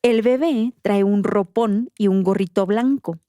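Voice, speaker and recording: A woman with a Mexican accent, a podcast host telling a story in a casual, slangy, animated way. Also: medium pitch, a little slow, no room sound, clean studio sound.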